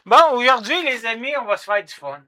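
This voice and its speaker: A man's voice: very high voice, animated, brisk, bright, forceful tone. A man with a Quebec French accent hosting a casual online show, playful and teasing with his guests over a call mic. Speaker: host.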